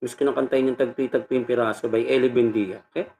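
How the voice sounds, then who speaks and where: A man's voice: medium pitch, fairly even intonation, fast. A man hosting a casual singing livestream, teasing and laughing with his listeners. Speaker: livestream host and singer. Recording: loud background noise.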